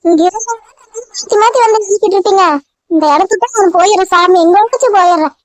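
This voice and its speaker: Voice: very high voice, a little fast, no echo. A performer voicing a fed-up older village mother with a headache, weary and complaining, in a cartoon comedy. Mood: exasperated.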